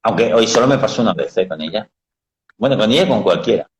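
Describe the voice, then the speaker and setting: A man's voice: lowish voice, lively intonation, fast, reverberant, rough recording. A man hosting a casual live talk, explaining in a frank, down-to-earth way with blunt everyday words. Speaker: psychologist host.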